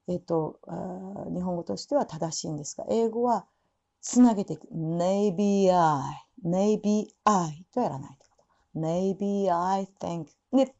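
Woman, pronunciation teacher, slow repeated demonstrations, thinking-aloud fillers, somewhat muffled audio. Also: medium pitch, vocal fry, warm tone, slightly rough. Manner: demonstrates sounds slowly, repeats phrases, many fillers. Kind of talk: spoken lesson with demonstrations.

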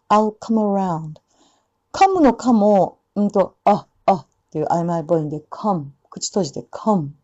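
A woman teaching English pronunciation, explaining sounds and slowly repeating example phrases. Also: mid-range voice, dark tone. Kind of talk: pronunciation lesson. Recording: dull lo-fi sound.

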